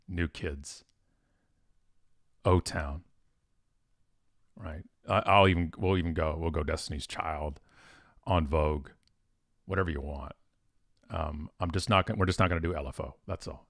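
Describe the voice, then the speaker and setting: Man, low voice, dry close mic; casual live-stream host, excitable and rambling. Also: normal speed, pauses often, no echo. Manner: animated, bursts of excitement, frequent fillers and restarts. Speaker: professional speaker.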